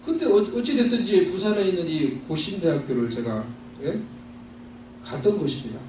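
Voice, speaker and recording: A man from Seoul telling his own story in a sermon, earnest, with slow emphatic stretches. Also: sits high, lively intonation, a little mellow, slight background noise. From Seoul, South Korea. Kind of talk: sermon testimony. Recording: distant mic in echoey hall.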